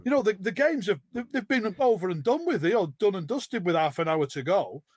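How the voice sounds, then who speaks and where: A man on a football fan podcast panel, talking casually with lots of restarts and quick laughs. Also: high voice, expressive, darkish tone, dry recording. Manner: rambling with many restarts, laughs often.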